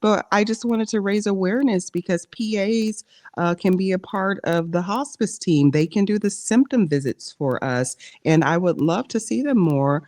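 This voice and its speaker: A woman's voice: mid-range voice, normal speed, darkish tone, dry recording. A woman hosting a casual podcast interview as a physician, chatty and joking, with fillers as she talks. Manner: chatty, jokey, with frequent fillers and laughs.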